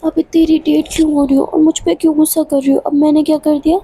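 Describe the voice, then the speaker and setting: A woman voicing a caring young working woman, speaking softly and hesitantly with frequent pleading. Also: sits high, flat delivery, fast, pitched above the performer's own voice, lightly acted. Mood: upset.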